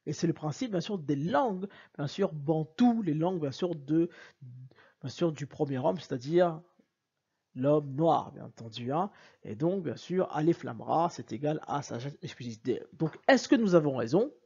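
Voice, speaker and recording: A man's voice: a little high, lively intonation, moderate pace, creaky, a little mellow, slightly rough, dull audio. A man giving an emphatic explanatory lecture over slides, repeating himself and urging the listener to look. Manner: emphatic, repeats "regardez" and "bien sûr". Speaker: video lecturer on word origins.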